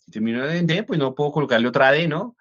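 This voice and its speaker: A man's voice: on the high side, expressive, quick pace, a bit bright. A man, an English instructor explaining pronunciation in a class, often checking in with "¿no?". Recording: dull lo-fi audio.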